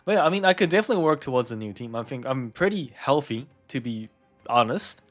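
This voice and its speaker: A man's voice: mid-range voice, animated, fast, fairly bright tone, soft background music. A young man with a New Zealand accent chatting casually with stream viewers, easygoing, chuckling often and repeating words. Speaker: game streamer.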